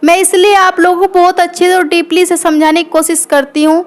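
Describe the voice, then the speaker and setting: Woman teacher, very high voice, patient explainer who keeps checking in with the class. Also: flat delivery, a little fast. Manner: patient, repeats points, checks in with "theek hai". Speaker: Hindi teacher. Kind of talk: classroom lesson explaining grammar.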